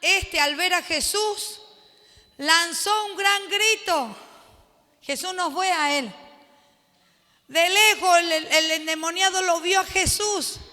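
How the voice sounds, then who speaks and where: A woman pastor leading an animated Bible study sermon, laughing often and acting out the quotes. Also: very high-pitched, takes it slowly, long pauses, big-room sound.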